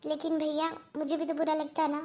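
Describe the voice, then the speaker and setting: A woman's voice: high-pitched, completely flat delivery, fairly quick, a little mellow, slight background noise, lightly acted. Woman voicing a firm young married daughter. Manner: earnest, lecturing. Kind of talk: Hindi cartoon dubbing.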